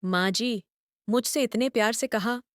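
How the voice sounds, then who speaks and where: A weepy young bride from a cartoon story, voiced by a woman. She talks in a tearful, apologetic whimper, and her voice sits fairly high. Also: a little slow, close to an everyday voice. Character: young new bride who weeps at everything.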